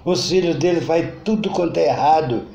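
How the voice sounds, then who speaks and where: A man's voice: fairly high pitch, a little fast, vocal fry, mellow. A man telling a moral parable as political commentary, in plain, repetitive storytelling with restarts. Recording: dull roomy recording with faint noise.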